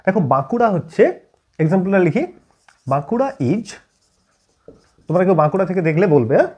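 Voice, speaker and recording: Male teacher, fairly high and lively delivery, constant check-in questions. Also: fairly quick, slightly rough. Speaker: English grammar teacher. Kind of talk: classroom-style video lesson.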